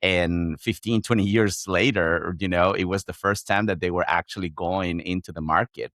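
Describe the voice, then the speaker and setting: A man's voice: low-pitched, fairly even intonation, moderate pace, a bit bright, no room sound, clean studio sound. A man from Chile with a Chilean Spanish accent, speaking English as a second language. He talks as a podcast guest, reflective and thinking aloud with frequent restarts. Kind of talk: conversational interview.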